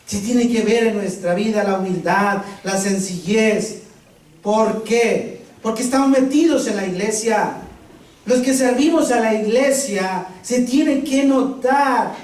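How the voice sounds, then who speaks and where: Brief: priest, lively retreat sermon, distant mic in a very echoey hall. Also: male voice, high-pitched, measured pace. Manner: animated storytelling, rhetorical questions. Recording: distant mic, strong hall echo, faint noise.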